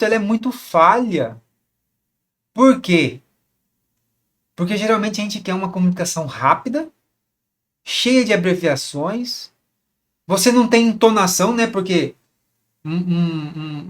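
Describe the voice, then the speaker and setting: A man with a fairly high voice explains how couples should talk to each other. He speaks casually, asks his listeners rhetorical questions and often repeats a word as he looks for the next one. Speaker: relationship coach. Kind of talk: casual teaching monologue.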